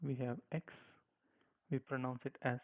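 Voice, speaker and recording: Speaking at an ordinary pace with an even tone and medium pitch, a man walks through a language lesson, spelling each letter patiently and telling how it's pronounced. The lesson is slow and repetitive, recorded with a tinny, telephone-like quality.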